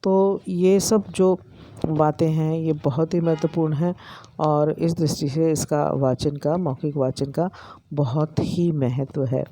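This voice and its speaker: A middle-aged woman with an Indian accent, an education lecturer, explaining slowly with many pauses and fillers. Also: low-pitched, fairly even intonation, warm tone. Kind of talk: recorded lecture.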